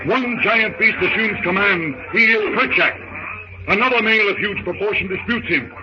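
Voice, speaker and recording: Speaking at a normal speed in a high-pitched voice, this male narrator reads an old scripted radio play with suspenseful, theatrical declamation. The audio sounds muffled and carries heavy noise.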